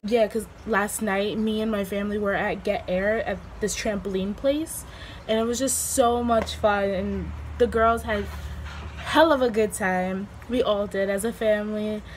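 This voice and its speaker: Female beauty vlogger, mid-pitched and unhurried, slightly hoarse, informal rambling tutorial delivery, clear background noise. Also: rough recording. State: slightly hoarse, recovering from lost voice. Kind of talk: casual makeup tutorial chat.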